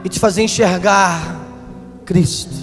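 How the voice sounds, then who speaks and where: A pastor preaching a sermon in church, moving from quiet teaching to impassioned shouting. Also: male voice, sits high, steady tone, measured pace. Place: large church. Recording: live church recording with long hall reverb and music.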